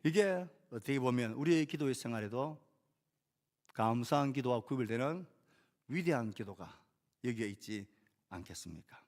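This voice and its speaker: A male pastor delivers a measured sermon, lifting key phrases, letting sentences fall softly, and posing rhetorical questions to the congregation. His voice is mid-range with lively intonation.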